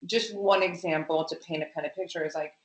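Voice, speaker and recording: A woman guest talking in an animated, emphatic way with many fillers in a conversational interview. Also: fairly low pitch, a little fast, roomy sound, rough recording.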